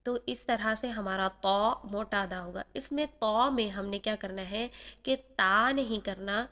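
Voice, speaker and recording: A woman teaching tajweed, explaining the pronunciation of each sound and demonstrating it slowly and carefully. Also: mid-range voice, pushed and bright. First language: Urdu. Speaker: Quran recitation teacher. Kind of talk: tajweed lesson.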